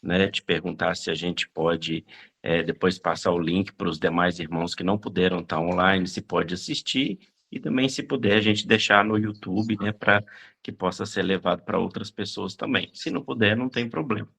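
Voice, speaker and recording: A man's voice: sits low, steady tone, normal speed, creaky, fairly bright tone, husky. A Brazilian man talking informally as organizer of a religious meeting, his mouth numb and slightly swollen from the dentist. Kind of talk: informal devotional talk.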